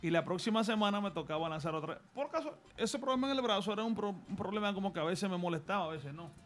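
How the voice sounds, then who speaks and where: Earnest high-voiced Dominican man. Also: fast, faint music behind. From Dominican Republic. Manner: earnest, reflective, gives life advice. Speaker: studio guest. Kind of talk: personal storytelling in a radio interview.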